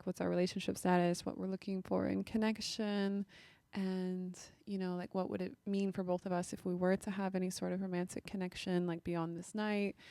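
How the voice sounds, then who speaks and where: A woman's voice: fairly low pitch, vocal fry, mellow, no room sound. A young woman telling a date story in a casual, chatty vlog, full of "like" fillers. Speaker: vlogger.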